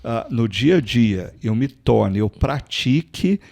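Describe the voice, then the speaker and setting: Male pastor from Brazil, low gravelly voice, dry close sound, reflective and hesitant. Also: expressive, takes it slowly, a little mellow, no room sound. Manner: thoughtful, hesitant restarts. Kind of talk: casual chat.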